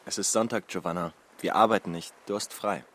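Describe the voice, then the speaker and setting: Male colleague, patient and questioning; lowish pitch, gentle, soft-spoken. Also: steady tone, brisk, slight background noise. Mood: concerned, probing. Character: bank colleague man, patient and probing. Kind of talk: radio play acting.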